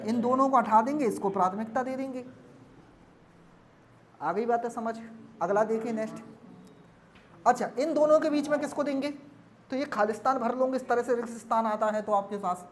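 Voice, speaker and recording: Explaining exam reasoning on a board, this slightly high-voiced woman goes over every step again and frequently checks whether her listeners understand. There's slight background noise.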